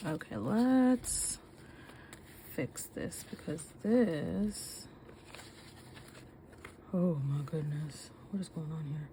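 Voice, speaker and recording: A young woman with a low, warm voice and lively intonation vlogs about her budget while counting cash aloud, with a little hiss or hum on the audio. She sounds nasal and short of breath from illness, counting bills in quick, chatty bursts.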